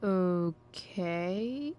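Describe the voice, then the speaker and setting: Slow, sarcastic rebellious teenage girl. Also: lowish voice, animated, warm tone. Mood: wry, uneasy. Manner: slangy, hesitant, wry drawl. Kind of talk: video game dialogue and muttered inner commentary.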